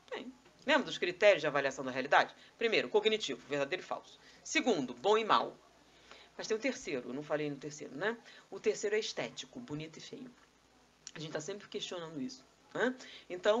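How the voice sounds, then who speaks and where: A woman's voice: fairly low pitch, fairly bright tone, slightly rough, muffled recording. A woman with a Brazilian accent giving a live spiritist lecture, full of rhetorical questions and conversational asides. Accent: Brazilian Portuguese. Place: spiritist society meeting hall.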